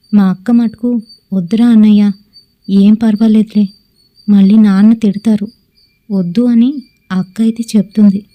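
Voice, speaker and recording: Dark-voiced woman telling a ghost story. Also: medium pitch. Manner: acts out family members' lines in dialogue. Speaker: horror story narrator. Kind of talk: first-person storytelling.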